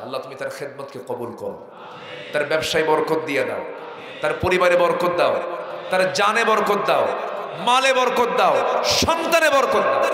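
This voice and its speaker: A man with a Bangladeshi Bengali accent preaching a sermon at a night gathering, throwing questions to the crowd and swinging from soft asides to loud shouts. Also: a little high. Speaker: Islamic preacher. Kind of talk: open-air waz sermon. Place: outdoor religious gathering at night. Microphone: PA microphone. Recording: echoey PA sound in a large outdoor gathering.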